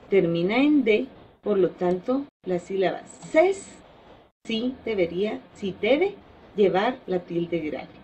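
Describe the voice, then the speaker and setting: Slow, deliberate woman teaching spelling. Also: mid-range voice, warm tone, slight background noise, poor audio. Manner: slow and deliberate, stretching example words, stressing syllables. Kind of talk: slide-based spelling lesson.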